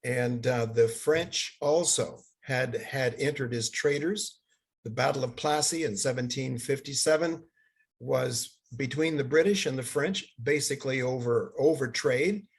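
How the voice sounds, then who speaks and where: With a mid-range voice that has a breathy edge, an older man raised in Bangladesh delivers a seminar lecture alongside slides. He speaks haltingly, with many fillers and restarts.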